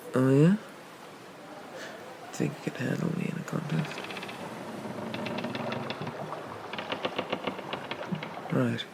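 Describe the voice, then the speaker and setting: Man playing a slow, gravelly flirty pirate captain, whispered role-play. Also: medium pitch, fairly even intonation, darkish tone, slight background noise, rough recording. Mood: teasing, flirty. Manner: leisurely, teasing, roguish, murmured asides. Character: flirty, teasing gentlemanly male pirate captain. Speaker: ASMR role-play performer.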